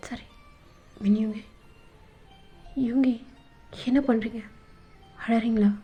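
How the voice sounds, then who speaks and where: A woman voicing an anxious young wife in a fan audio drama, who keeps pleading and asking questions and climbs higher when upset. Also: fairly even intonation, slow, warm tone, husky. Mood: worried. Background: faint background music.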